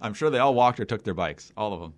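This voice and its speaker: A man's voice: on the low side, animated, fast. A man hosting a political podcast, reading news items and bantering with his co-host. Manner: bantering, reads news aloud. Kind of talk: casual political chat.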